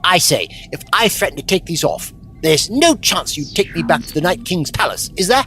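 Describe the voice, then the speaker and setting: A man's voice: fairly high pitch, big pitch swings, moderate pace, sharp tone. Wry eccentric adventurer guy actor, very up and down delivery, nonchalant, theatrical, audio drama w music. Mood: wry, chatty. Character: eccentric, unflappable time-travelling adventurer, wry and chatty.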